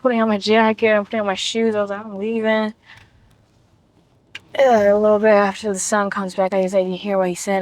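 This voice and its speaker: A woman as a guest on a talk show, telling a personal story in casual, blunt language and acting out what people said. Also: lowish voice. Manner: blunt and profane, acts out quoted lines.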